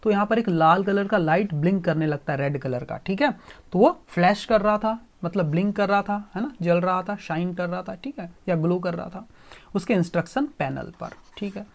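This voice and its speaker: A woman's voice: fairly low pitch, moderate pace. A woman teacher goes through a story phrase by phrase, translating and asking questions back to students. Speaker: English teacher. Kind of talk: explaining a story line by line in a lesson.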